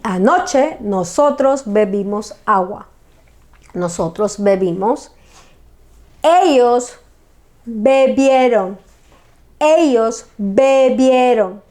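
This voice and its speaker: A woman teaching a language lesson, saying words slowly and repeating them clearly for learners. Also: a little high, mellow. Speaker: Spanish teacher. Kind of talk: slow, deliberate language lesson.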